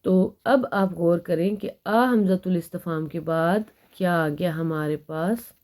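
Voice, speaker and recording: A woman teaching an Arabic grammar lesson, patiently explaining and reading example sentences slowly before translating them. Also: fairly low pitch, a little mellow.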